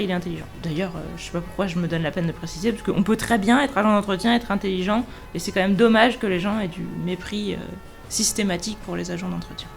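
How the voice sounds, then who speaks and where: Hoarse, creaky-voiced woman reviewing books. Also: medium pitch, a little mellow. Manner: informal, hesitant, thinking aloud with trailing asides. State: hoarse from allergies. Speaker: book reviewer, host. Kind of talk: casual spoken book review.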